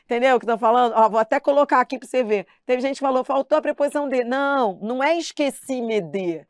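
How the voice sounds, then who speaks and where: This middle-aged woman, Brazilian Portuguese accent and all, talks quickly in a smooth, somewhat high voice during a live online grammar lesson. Chatty and animated, she playfully mimics her students, recorded at studio quality with no echo.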